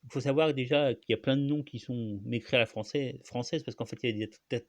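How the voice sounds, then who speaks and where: A man's voice: medium pitch, quick pace, no room sound. A man hosting a casual solo talk, rambling and hesitant with many restarts and fillers. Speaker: host.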